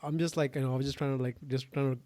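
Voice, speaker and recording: A man's voice: mid-range voice, fairly even intonation, racing, warm tone, no echo. A young man from Sri Lanka hosting a podcast, talking casually in long rambling sentences full of fillers and restarts. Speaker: podcast host. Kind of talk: casual interview conversation.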